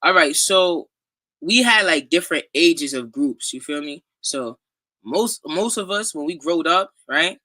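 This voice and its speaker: Young rapper guy talking easy, really bright voice, dead dry sound, keeps saying you feel me. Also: fairly high pitch, lively intonation, measured pace, no echo, poor audio. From Brooklyn, New York. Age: young adult. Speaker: guest rapper. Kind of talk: casual interview chat.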